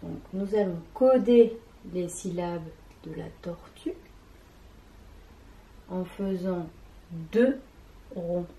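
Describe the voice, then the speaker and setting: A woman teacher giving an early reading lesson to young children, sounding out syllables one by one in a slow and deliberate way. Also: fairly low pitch, warm tone. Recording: echoey room.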